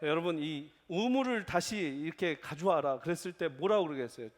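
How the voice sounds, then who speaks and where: A male pastor giving a sermon in a lively, jokey preaching manner. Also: fairly high pitch, a little fast. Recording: echoey church hall.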